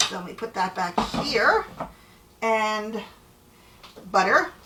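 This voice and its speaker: A woman's voice: medium pitch, expressive, slow pace, very noisy. A woman hosting a cooking show, chatting casually and playfully while she cooks. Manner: chatty, friendly, playful with her partner. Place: home kitchen. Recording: echoey room, mic at a distance.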